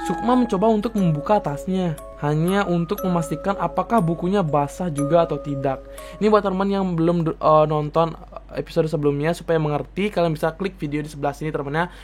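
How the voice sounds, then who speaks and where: A woman's voice: sits low, darkish tone. A woman reading a horror chat story aloud, chatty, often turning to address her listeners. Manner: chatty, keeps addressing the audience. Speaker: storyteller, channel host.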